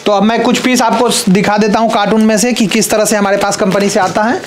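Brisk, high-voiced male seller. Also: steady tone, slight background noise. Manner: brisk, repeats phrases to confirm. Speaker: warehouse seller. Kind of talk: sales pitch.

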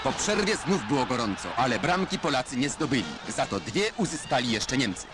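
A man's voice: medium pitch, animated, a little fast, music in the background. Wry male narrator of an old newsreel. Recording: noisy old film soundtrack.

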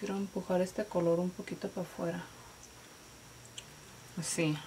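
A woman's voice: fairly low pitch, fairly even intonation, normal speed, warm tone, poor audio. A woman hosting a casual makeup tutorial, chatty and playful, mixing in English words and slang. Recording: faint hiss.

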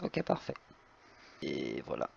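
A man working as an air traffic controller, giving clearances in radio phraseology with a hesitant, polite manner through a computer microphone. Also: wildly swooping pitch, slow pace. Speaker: tower air traffic controller in online flight simulation. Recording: dull, muffled low-fidelity microphone.

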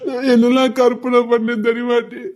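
A woman's voice: on the high side, normal speed, natural voice. A woman voicing a young village man in love who sulks, pleads and puts on crying fits. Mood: whiny. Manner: whiny, pleading, mock-crying. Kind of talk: village romance drama acting.

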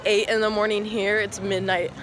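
A woman's voice: medium pitch, flat delivery, moderate pace, crowd noise, rough recording. A young woman from Utah, chatting casually and bubbly on a travel vlog while out in a city. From Utah, United States. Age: young adult. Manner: bubbly, chatty, says literally often. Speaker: vlogger, college basketball player. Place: outdoors in a city and on a paddle boat.

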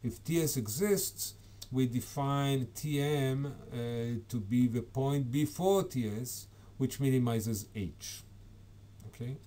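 Hesitant man presenting slides, dark tone. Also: mid-range voice, lively intonation, slow pace. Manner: hesitant, frequent fillers and self-corrections. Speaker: conference presenter. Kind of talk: academic talk over slides.

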